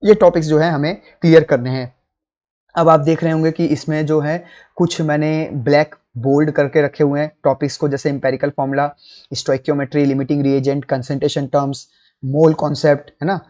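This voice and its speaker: Man teaching chemistry, higher voice. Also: flat delivery, fairly quick, dark tone, highs cut off. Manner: addresses students as kids, checks in with "theek" and "hai na". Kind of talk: classroom lecture to students.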